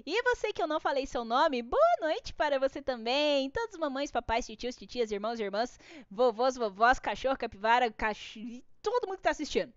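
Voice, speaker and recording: Her voice sits high and sounds animated at a normal speed as this Brazilian art class host, speaking with a Brazilian Portuguese accent, chats her way through a craft live stream. She's bubbly and greets viewers by name, and the lo-fi stream audio is dull and dry with no room sound.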